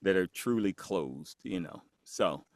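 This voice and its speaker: A man's voice: low-pitched, expressive, a little slow, no echo, clean studio sound. A man joking around as a guest on a podcast. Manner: joking, playful. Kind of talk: casual interview chat.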